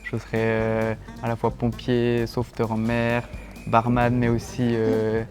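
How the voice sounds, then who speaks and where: Easygoing young Frenchman, flat voice. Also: medium pitch, a little slow. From France. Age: young adult. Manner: easygoing, hesitant with fillers. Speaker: circus base. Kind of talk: interview testimony. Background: guitar music.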